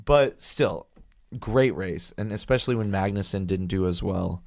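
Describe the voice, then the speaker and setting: A man's voice: low-pitched, normal speed, vocal fry, darkish tone, clean studio sound. A man co-hosting a podcast in casual chat, laid-back, laughing often and echoing his co-host's words. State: recovering from a cold. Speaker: podcast co-host.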